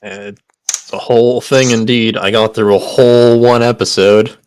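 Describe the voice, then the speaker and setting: A man co-hosting a podcast with dry, deadpan remarks. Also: mid-range voice, unhurried, smooth, no room sound. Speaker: podcast co-host. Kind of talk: casual podcast banter.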